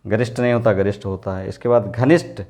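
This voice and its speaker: A man's voice: lowish voice, a little mellow. Man drilling spelling in a lesson. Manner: drills words by repetition, asks quick rhetorical questions. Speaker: teacher. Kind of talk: exam-prep lesson.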